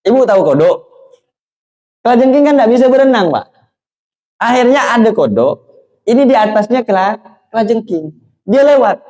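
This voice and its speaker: A man's voice: high voice, warm tone. A man preaching a sermon in a storytelling way, often asking the congregation questions. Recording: dull lo-fi recording.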